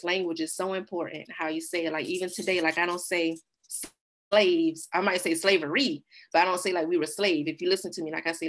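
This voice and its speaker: A woman's voice: low-pitched, a bit bright. A woman giving a casual workshop talk with slides, telling stories and laughing now and then. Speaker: workshop presenter.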